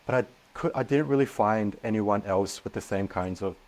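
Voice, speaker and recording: Earnest man, lower voice. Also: normal speed. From Australia. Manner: earnest, animated, frequent restarts. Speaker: guest. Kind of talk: casual podcast interview.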